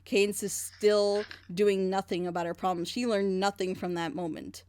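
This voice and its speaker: Her mid-range voice is steady and darkish, moving at normal speed, as she critically analyzes a plot twist in an animated group reaction chat. She makes her case with rhetorical questions, and a little hiss or hum sits under the recording.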